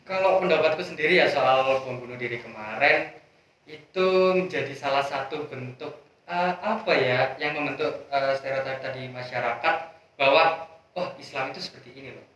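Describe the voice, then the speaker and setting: A young man, a student guest, giving his opinion in a halting way with many fillers. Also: medium pitch, a bit bright. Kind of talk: casual discussion. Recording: echoey room, distant mic.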